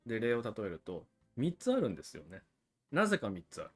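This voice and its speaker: A man's voice: medium pitch, wildly swooping pitch, fast talker, soft background music. A man hosting a livestream about cigars, explaining things in a chatty, casual way with frequent asides to viewers. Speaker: cigar channel host.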